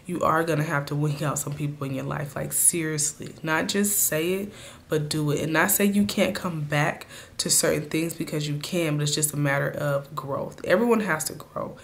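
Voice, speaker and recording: A woman with a raspy, hoarse voice from a cold, giving earnest motivational advice straight to her viewers in a casual vlog. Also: low voice, steady tone, normal speed. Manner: earnest, speaks to viewers directly. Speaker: vlogger.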